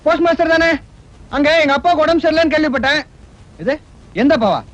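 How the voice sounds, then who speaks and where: A man's voice: very high voice, fast. An anxious, flustered young man. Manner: fretful, flustered. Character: anxious lovesick young man, easily fooled. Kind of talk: 1980s film dialogue. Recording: dull old film soundtrack with music.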